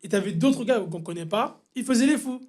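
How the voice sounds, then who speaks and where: A man's voice: very high voice, fairly quick. A young man with a Swiss French accent, co-hosting a podcast and telling a funny story in casual chat, laughing as he goes. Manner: animated storytelling, laughing through it. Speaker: podcast co-host.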